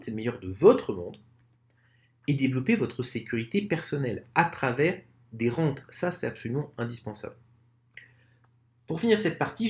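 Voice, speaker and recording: A man talks straight to his viewers in a relaxed, conversational explainer. His pitch sits in an ordinary middle register but moves around a lot, rising and falling expressively as he makes his points. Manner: conversational, addresses viewers directly; lively, expressive intonation. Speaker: online presenter. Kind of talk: informal explainer talk to camera.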